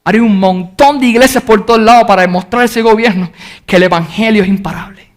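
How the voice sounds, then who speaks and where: A man preaching an earnest sermon as pastor, reading scripture aloud and shouting out the crowd's cries when he retells them. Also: sits high, fast.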